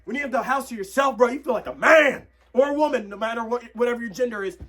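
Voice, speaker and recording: A young man, hoarse from losing his voice, ranting in excitable yells with sudden quiet asides for a comedy vlog. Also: very high-pitched, quick pace. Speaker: comedy vlogger. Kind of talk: comedic tier-list rant.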